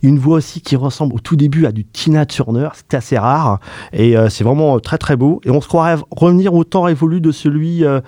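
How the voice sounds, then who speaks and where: A male radio host gushes over an album, piling up superlatives and stumbling through fillers. His voice is mellow and warm, and the studio sound is dry and close. He talks in the relaxed manner of an enthusiastic music review chat. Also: a little high, brisk, no room sound. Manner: effusive, repeats praise words, many fillers.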